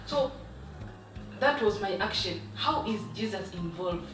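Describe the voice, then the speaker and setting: A woman's voice: mid-range voice, expressive, a little slow. A woman from Tanzania, a guest in a casual discussion, talking hesitantly and thinking aloud. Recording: echoey room, distant voice, music behind.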